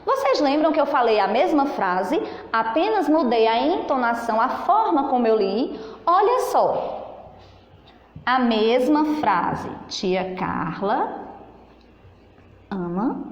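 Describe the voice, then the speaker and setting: A Brazilian woman teaching a children's lesson on punctuation, speaking slowly and in a singsong way for young pupils. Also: high voice, sing-song. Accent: Brazilian Portuguese. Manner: slow and singsong, stretching words for young pupils. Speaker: primary school teacher. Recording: echoey room with long reverb.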